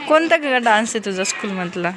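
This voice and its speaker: A woman's voice: medium pitch, animated, a little fast, a crowd in the background. A young woman vlogging on a rooftop terrace with a phone, chatting to the camera and coaxing her small child with questions. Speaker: vlogger and mother. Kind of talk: casual home vlog, talking to camera and child. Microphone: handheld phone camera. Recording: noisy outdoor phone audio.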